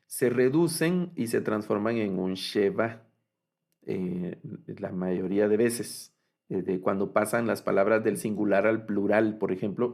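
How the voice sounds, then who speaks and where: A man gives a recorded lecture on Hebrew grammar. His voice sits on the low side with a gravelly edge. He explains patiently, pausing on fillers and repeating each word slowly. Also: darkish tone. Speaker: Biblical Hebrew teacher.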